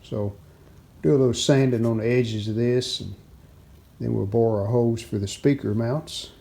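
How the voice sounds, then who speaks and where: Narrating his repair job step by step, this restoration video host keeps it plain and matter-of-fact. He has a dark, mid-range voice with fairly even intonation at normal speed, and background noise is clearly audible.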